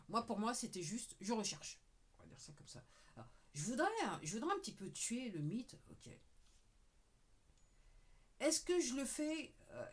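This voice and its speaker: A husky, medium-pitched woman rambles casually to her viewers in a talking-head video. As a video creator speaking directly to camera, she repeats "ok" frequently and now and then trails off into a murmur.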